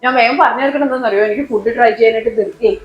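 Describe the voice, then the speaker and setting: A woman with a Malayali accent chatting casually as a food vlogger, mixing English words and phrases into Malayalam in an animated way. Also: a little high, racing, dull audio. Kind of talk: casual food vlog chat. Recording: roomy echo, faint music behind.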